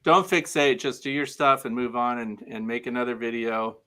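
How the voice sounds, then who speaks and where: Man, deadpan, dry humor, bright tense tone, video-call mic. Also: mid-range voice, moderate pace, clear, resonant tone. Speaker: guest beekeeping video maker. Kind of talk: casual livestream chat.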